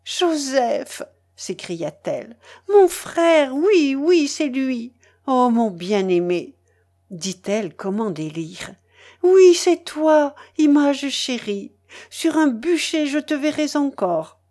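A woman reading aloud voices an innocent young woman, lifting her voice high and sounding pleading and emotional. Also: very animated, takes it slowly, a little mellow, exaggerated voice. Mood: impassioned. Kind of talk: dramatic reading of a novel.

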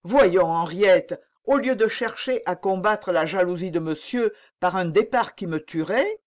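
A woman's voice: fairly low pitch, measured pace, a little mellow, lightly acted. A woman reading the part of a young king, lovesick and pleading, in an impassioned, exclaiming manner for an audiobook.

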